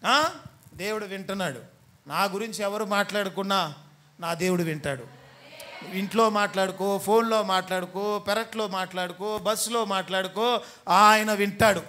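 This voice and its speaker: A man's voice: high-pitched, moderate pace, bright, forceful tone. A man preaching a sermon as pastor, teasing and scolding his congregation and mimicking the people he talks about. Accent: Telugu.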